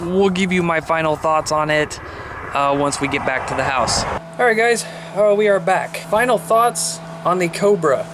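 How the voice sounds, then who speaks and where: A plain-spoken, folksy man giving a casual product review as a vlogger. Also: on the high side. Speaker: radio reviewer. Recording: noisy camera audio.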